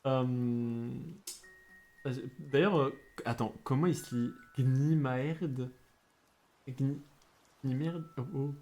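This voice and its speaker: A man's voice: medium pitch, slow pace, a little mellow. Young male Japanese teacher, casual and hesitant livestream delivery, mid-range voice, faint music behind. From Bordeaux, France. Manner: chatty, hesitant, many fillers, answers chat.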